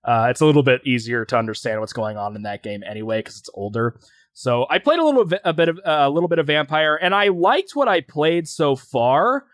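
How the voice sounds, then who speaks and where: A man's voice: a little high, very animated, a little fast, fairly bright tone, no room sound, clean studio sound. A man co-hosting a podcast, chatting casually and rambling with lots of fillers and restarts. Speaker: podcast co-host.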